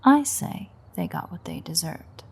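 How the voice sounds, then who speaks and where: In an intimate audio roleplay, a voice actress plays a vampire woman with a husky, breathy voice, speaking low and unhurriedly with a gravelly creak at the bottom. She's wry, irritated, teasing and foul-mouthed, with a dark predatory edge. Her voice is animated and exaggerated.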